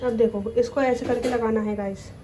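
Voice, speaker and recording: High-voiced chatty young woman vlogger. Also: fairly even intonation, moderate pace, mellow, slight background noise. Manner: chatty, peppers speech with "okay". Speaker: family vlogger. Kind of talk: casual chat, cooking then storytime. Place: home, kitchen then indoors.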